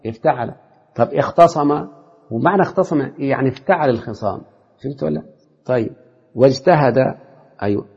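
A man with a medium-pitched, gravelly, slightly rough voice and a darkish tone teaches a classroom lesson in an Egyptian Arabic accent. He moves briskly but leaves long pauses, constantly quizzing his students with short questions. The lo-fi hall recording carries a long reverb.

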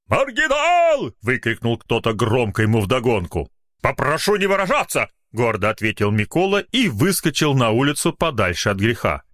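A man's voice: medium pitch, a bit bright, dry recording, clean studio sound. A man telling a humorous story, theatrical and mock-pompous when he quotes his characters. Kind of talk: humorous story narration with acted voices.

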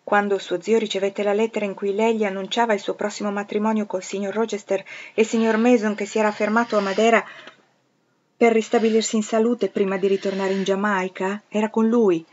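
A woman reading the lines of a formal, measured male lawyer explaining events. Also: medium pitch, little pitch movement, a little mellow, lo-fi sound, a little hiss or hum, lightly acted.

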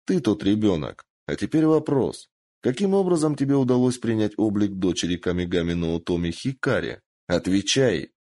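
A man's voice: on the low side, expressive, moderate pace, mellow. A man voicing a scheming guard captain in an audiobook, mocking and menacing.

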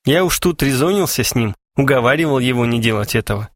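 A man's voice: medium pitch, lively intonation, fast, dry recording, clean studio sound, natural voice. A man voicing a cheerful, ironic young man who teases his friends, with a wry, mocking delivery. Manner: wry, teasing. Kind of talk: audiobook character voice.

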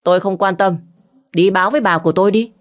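A woman's voice: mid-range voice, fast, natural voice. Curt young heir, dismissive storybook figure, voiced by a woman.

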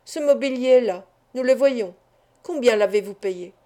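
A woman's voice: a little high, a little slow, warm tone, close to an everyday voice. A woman voicing a stern male investigating judge in an audiobook, questioning coldly and severely.

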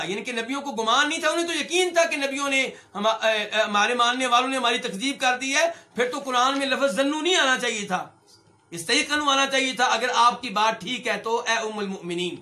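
High, bright-voiced male scholar teaching. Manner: asks the audience questions and answers them himself; reads Arabic phrases slowly, then explains them. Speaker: Islamic scholar and hadith teacher. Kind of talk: religious lesson explaining Arabic texts.

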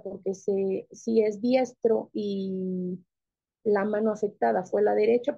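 Mexican woman guest, neurolinguist, slow and measured, dark gravelly voice, dull lo-fi dry radio sound. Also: a little high, no room sound. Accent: Mexican Spanish. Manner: slow, measured, with frequent fillers. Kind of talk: explanatory radio talk.

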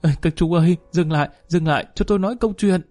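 Frantic pleading mother, put on by a man, pitched up, wailing. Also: fast, a little mellow, lightly acted.

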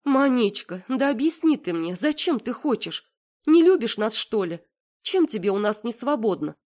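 A woman voicing a tearful middle-aged mother who pleads with her daughter in a high, anxious voice. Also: animated, moderate pace. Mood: pleading. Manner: high, pleading, close to tears.

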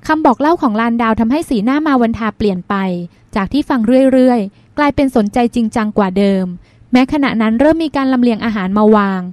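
A woman narrates a novel in a smooth, even manner. Her voice sits high, recorded close with a dry sound and no room echo. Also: fast. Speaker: audiobook narrator. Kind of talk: scripted narration.

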